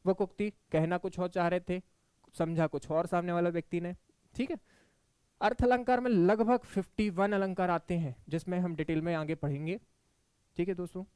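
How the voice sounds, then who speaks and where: A man from Madhya Pradesh giving an exam-prep Hindi grammar lecture, explaining step by step, checking in often and reciting verse examples slowly. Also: sits high, fairly even intonation, warm tone, smooth, dry recording. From Madhya Pradesh, India. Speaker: teacher.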